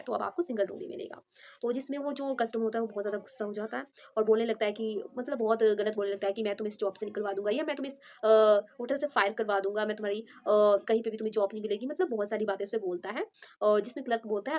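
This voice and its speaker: Quick chatty woman telling a story. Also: fairly high pitch. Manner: chatty, many fillers and restarts. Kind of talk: casual motivational storytelling.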